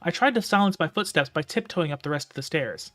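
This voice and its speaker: A man's voice: fairly high pitch, expressive, fast talker, a bit bright. A man streaming live, reading a novel aloud and commenting casually in a rambling way with filler words.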